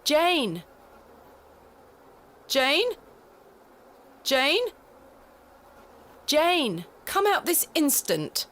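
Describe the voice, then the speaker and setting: A woman's voice: fairly low pitch, expressive, measured pace, slightly rough, heavily acted. A woman voicing a wry, independent, curious lady antiquarian in a video game, articulate and self-possessed. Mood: exasperated, calling. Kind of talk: video game protagonist monologue.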